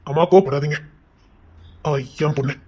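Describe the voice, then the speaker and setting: A man's voice: fairly high pitch, moderate pace, noisy background, close to an everyday voice. A man as a commanding gangster-family groom. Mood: insistent. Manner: commanding, insistent. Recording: dull lo-fi audio.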